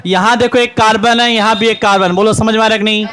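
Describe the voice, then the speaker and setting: A man's voice: high-pitched, fast talker. A man with a Bihari Hindi accent teaching a chemistry lesson, constantly asking his class questions and answering them himself, calling the students "beta". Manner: grows louder and excited, cheering students on. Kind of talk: classroom lecture, call-and-response.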